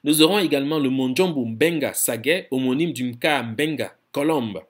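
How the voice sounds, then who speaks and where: Halting man giving a scholarly lecture. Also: mid-range voice. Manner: halting, repeats words while searching for phrasing; slows down to spell out foreign words.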